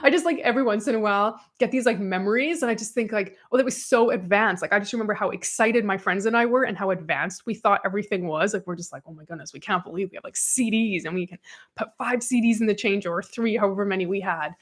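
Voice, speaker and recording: A woman in her thirties talking casually as a podcast co-host. She is chatty and animated, reading listener comments aloud and laughing often along the way. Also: medium pitch, fast.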